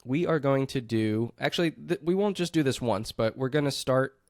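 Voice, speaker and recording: A man co-hosts a podcast in an easygoing chat, steering the conversation with a relaxed, amused manner. His voice sits at an ordinary middle pitch. The sound is dry and close, with no room echo. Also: normal speed. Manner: relaxed, laughs often, leads the talk. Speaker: podcast co-host. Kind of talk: casual chat.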